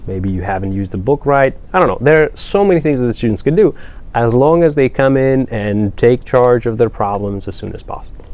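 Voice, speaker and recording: Man with a Greek accent, mid-pitched, math professor; unhurried, advising interview answers with fillers. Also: lively intonation, darkish tone. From Greece. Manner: thoughtful, advising, with many fillers.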